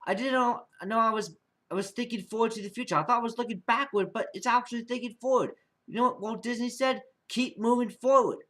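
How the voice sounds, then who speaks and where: This amateur podcast creator is a young man with an extremely high-pitched, pushed, bright voice who talks fast. His vlog monologue is casual and unscripted, and he rambles, frequently repeating himself and starting phrases over.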